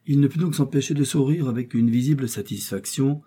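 A man narrating a classic novel as an audiobook in a calm, even storytelling manner. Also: medium pitch, a little fast, husky.

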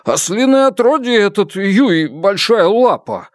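A big, soft-hearted foreign pastor, slow and wistful, quick to bluster, as a man plays him. His tone is a little raised and lively in its melody. The sound is close and dry. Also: fairly high pitch, no echo, pitched above the performer's own voice, full character voice. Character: big foreign male pastor, sentimental and hot-tempered.

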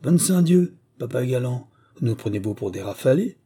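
A man voicing a boisterous, hard-drinking army sergeant who talks loud and jovial, in an audiobook reading. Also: mid-range voice, animated, normal speed, husky. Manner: loud, swaggering, jovial barrack-room talk.

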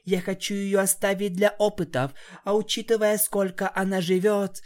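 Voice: medium pitch, steady tone, normal speed, a little mellow, voice pushed up, close to an everyday voice. A reader voicing a cold, mocking female lab AI in a raised, coolly sarcastic voice. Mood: gloating.

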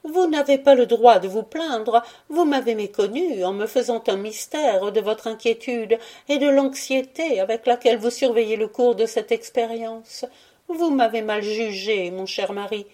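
A devoted young wife, as a woman reading an audiobook gives her voice speaks with earnest firmness. Her voice rises well above the narration, higher and brighter, pleading yet steady. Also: normal speed, close to an everyday voice. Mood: firm.

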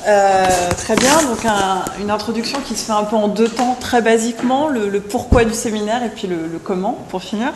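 A woman of middle pitch opens an academic seminar, stumbling through fillers and repeated words as she lays out her plan. She raises her voice so someone joining from afar can follow. The room gives her speech a clear echo. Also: normal speed, few pauses, background noise. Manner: hesitant, many fillers and restarts; speaking loudly for a remote listener. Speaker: seminar presenter.

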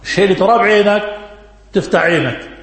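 Scholar in a very echoey hall. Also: male voice, high-pitched, quick pace, fairly bright tone. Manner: repeats key words and quizzes listeners. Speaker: religious scholar answering questions. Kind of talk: religious lesson. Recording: very echoey room.

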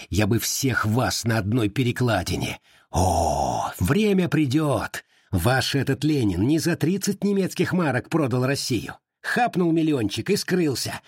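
A man voicing an enraged male army officer, shouting insults in an audiobook reading. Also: medium pitch, lively intonation, measured pace, husky, no room sound, studio quality, pitched above the performer's own voice. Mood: furious. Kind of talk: audiobook character voice.

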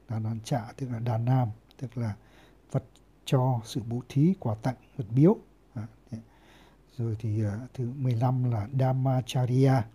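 Husky, very dark-voiced male monk teacher. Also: mid-range voice. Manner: unhurried, many filler pauses, carefully sounds out foreign terms. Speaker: Buddhist monk teaching Pali. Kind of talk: word-by-word scripture lesson.

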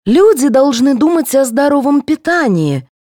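A woman's voice: on the high side, big pitch swings, measured pace, a little mellow, no room sound, studio quality, pitched above the performer's own voice. A woman voicing a preachy female dentist who lectures about healthy eating in an audiobook.

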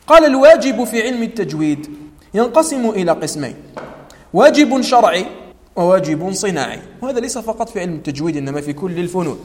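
Teacher guy, lively, checks if students follow, echoey hall sound. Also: sits high. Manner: animated, mixes formal Arabic with dialect, demonstrates recitation, quizzes students. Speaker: Quran recitation teacher. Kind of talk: classroom lecture on tajweed rules.

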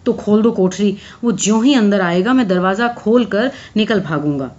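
A woman's voice: medium pitch, a little mellow, lo-fi sound, natural voice. A woman reading aloud, speaking as a sheepish male lover who pleads and makes excuses. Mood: panicked.

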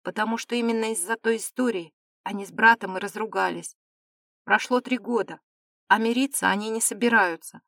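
Young viscount guy, calm and careful, woman reading him, dry close sound. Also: medium pitch, brisk, vocal fry, dry recording. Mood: guarded. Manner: calm, restrained delivery. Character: young male viscount, guarded and reserved. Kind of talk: audiobook character reading.

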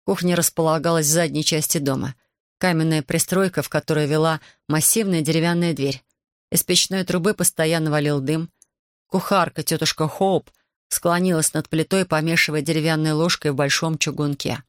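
A woman reading an audiobook in an even, measured narrating voice. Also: sits low, dry recording, studio quality.

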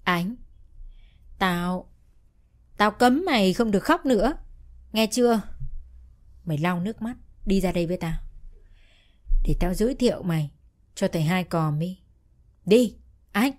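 A woman's voice: mid-range voice, animated, unhurried, pauses often, close to an everyday voice. A woman voicing a drunk, bullying middle-aged stepfather who scolds in a slurred drunken voice. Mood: drunken rage.

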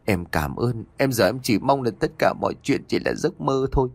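A man voicing a grief-stricken middle-aged mother with a high, strained wail. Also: animated, normal speed, gravelly, breathy edge, dry recording. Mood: weary grief.

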